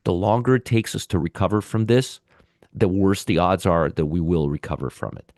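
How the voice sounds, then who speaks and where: A man hosting a live pre-market trading show explains things conversationally and repeats his points while under the weather with a sore throat. His low, darkish voice moves at normal speed in studio-quality audio with no echo.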